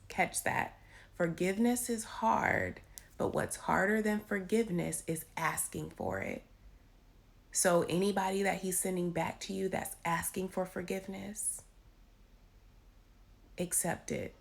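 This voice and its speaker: Casting: woman, raspy and gravelly lowish voice, informal faith encouragement, emphatic with repeated phrases. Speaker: faith vlogger giving encouragement. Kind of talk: informal devotional talk to followers. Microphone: handheld phone.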